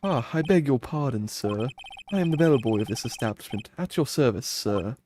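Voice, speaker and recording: A man's voice: mid-range voice, expressive, moderate pace, darkish tone, slight background noise, lightly acted. A man voicing a chirpy, polite, old-fashioned hotel bellboy from a video game, formal and deferential.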